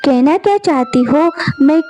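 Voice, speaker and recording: A woman voicing an earnest young husband in an animated storybook, with her own high voice. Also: unhurried, highs cut off, faint music behind. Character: young husband, puzzled then decisive.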